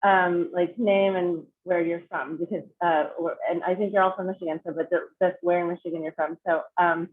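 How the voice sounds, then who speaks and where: A woman's voice: fairly low pitch, fairly even intonation, fairly quick, few pauses. A woman leading an online choir sectional, chatty and full of fillers and restarts. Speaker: choir clinician. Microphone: video call. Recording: tinny video call audio, faint noise.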